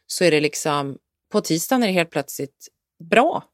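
A woman co-hosting a podcast, a mother who tells stories in an animated way and acts out both sides of each conversation. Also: sits low, no room sound, clean studio sound. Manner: animated storytelling, acting out conversations. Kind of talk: casual chat among friends.

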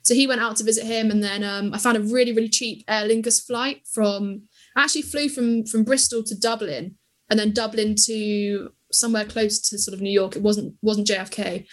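Speaking a little fast, this woman has a mid-range voice with fairly even intonation. She's in her twenties, a travel creator guesting on a podcast, and she recounts her trips eagerly, with lots of fillers, in a relaxed interview conversation.

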